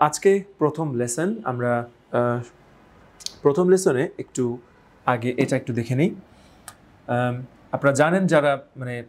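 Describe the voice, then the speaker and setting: A man teaching English pronunciation in a spoken lesson, explaining step by step, asking the viewers questions and repeating example words slowly. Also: mid-range voice, darkish tone.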